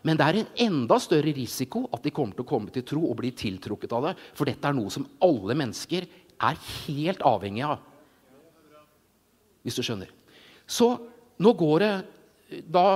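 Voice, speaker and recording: A middle-aged man gives an informal sermon testimony, telling his story in an animated way and acting out voices. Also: mid-range voice. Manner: animated storytelling, acts out voices, frequent "ikke sant". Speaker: preacher. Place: large church hall. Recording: reverberant church hall.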